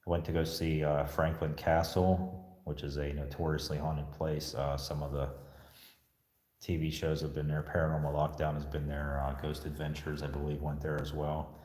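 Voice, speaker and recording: A man's voice: a bass voice, monotone, normal speed, darkish tone. An American man from the Pittsburgh area chatting casually on a live stream as a paranormal investigator, in an echoing stairwell. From Pittsburgh area, United States. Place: indoor stairwell of an old seminary building. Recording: echoing stairwell, long reverb.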